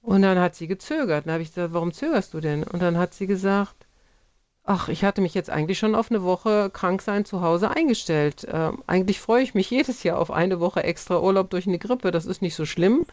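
A woman's voice: on the low side, brisk, darkish tone, no room sound. A middle-aged woman, a physician, earnestly telling personal faith stories in an interview, with many fillers. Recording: dull, muffled, dry sound.

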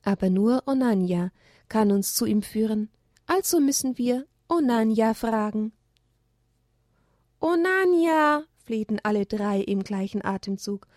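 Woman gently reading a children's story. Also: medium pitch, fairly even intonation, normal speed, dry recording, clean studio sound.

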